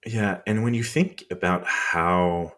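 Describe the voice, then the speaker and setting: On a podcast he co-hosts, a man with a French accent explains history in a relaxed, conversational way, slipping in wry, indignant remarks. His voice is extremely low and he takes it slowly.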